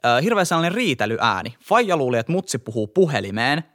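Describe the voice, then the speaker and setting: Animated young man telling a story. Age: young adult. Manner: animated, jumps up and down in pitch while telling a story. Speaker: podcast co-host. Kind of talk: casual storytelling chat.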